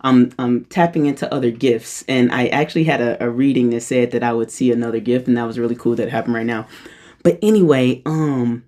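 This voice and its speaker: A woman's voice: extremely low pitch, fairly quick. Rambling, slangy woman telling a story. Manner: rambling, slangy, animated, many restarts. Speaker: spiritual vlogger. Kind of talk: casual storytelling to camera.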